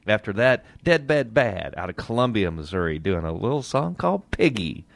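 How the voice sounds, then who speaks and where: A man hosting a radio show, introducing songs in a folksy, lively way. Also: on the low side, moderate pace, gravelly, dry recording. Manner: lively, folksy, plays up his lines. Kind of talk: casual radio chat and song intros.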